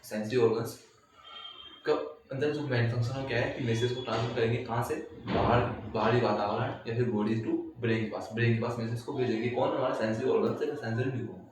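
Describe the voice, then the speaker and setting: Male teacher at a distance from the mic, lecturing in a boomy room with faint noise, drills points by asking questions. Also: fairly even intonation, fairly quick, very echoey. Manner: repeats points and quizzes listeners with questions. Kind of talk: recorded class lecture.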